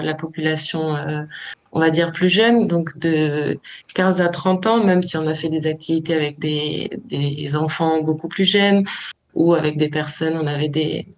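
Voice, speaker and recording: A woman with a fairly low voice answers as a guest in a radio interview. She talks hesitantly, with many fillers and restarts. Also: a little hiss or hum. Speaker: association founder, guest.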